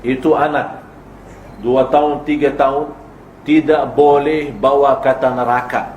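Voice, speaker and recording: A man's voice: medium pitch, steady tone, a little slow, darkish tone. Man preaching in an echoey hall. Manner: lecturing with quoted example lines. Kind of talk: religious lecture. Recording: echoey hall with faint noise.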